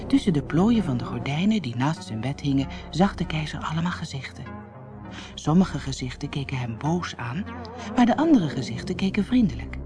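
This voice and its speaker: A woman reading a fairy tale aloud as a storybook narrator, clear and expressive. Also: deep voice, normal speed. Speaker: audiobook reader. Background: soft music.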